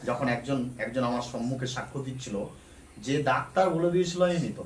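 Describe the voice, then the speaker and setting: A man's voice: mid-range voice, slight background noise. A man giving a fervent spoken testimony at a church meeting, repeating his words of praise. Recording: echoey hall, mic off at a distance.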